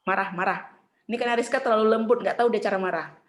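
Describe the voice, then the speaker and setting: A middle-aged woman teaching Mandarin in an online class, chatty and patient, saying tones slowly for students to copy. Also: medium pitch, a little hiss or hum.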